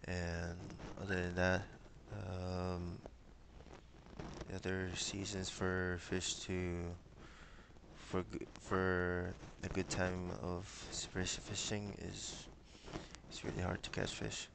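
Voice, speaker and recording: A young man from Micronesia speaks slowly and flatly in a low voice, hesitating often with fillers as he answers questions. He talks into a headset from a small room lined with bookshelves. Steady background noise runs under the video-call audio. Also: gravelly. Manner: hesitant, pauses with many fillers. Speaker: interviewee. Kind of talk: casual interview answers.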